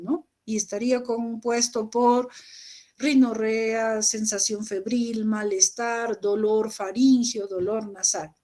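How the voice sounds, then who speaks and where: A woman's voice: on the high side, a little mellow. A woman giving a recorded medical lecture, explaining patiently to students and often checking in with rhetorical questions.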